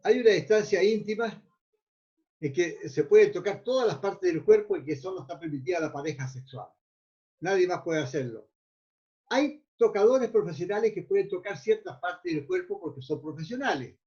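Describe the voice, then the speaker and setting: With lively intonation and a moderate pace, a male mindfulness teacher with a rather high, slightly mellow voice addresses his class. His lecture meanders, and he stumbles over repeated words looking for the next phrase; the recording sounds muffled and lo-fi.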